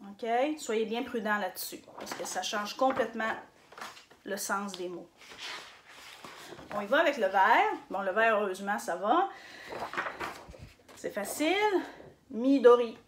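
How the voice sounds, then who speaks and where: A woman giving a casual spoken lesson, hesitant with many fillers and repeating words slowly for her viewers. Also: medium pitch, animated, noisy background. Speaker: language teacher on her own channel.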